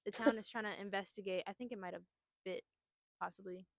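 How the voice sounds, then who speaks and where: A woman's voice: medium pitch, steady tone, fast talker, gravelly, dry recording. Young woman on a podcast, rambling chatty storytelling, lots of ums, dry close sound. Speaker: podcast co-host. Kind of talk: casual chat, retelling a movie plot. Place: outdoors at a picnic.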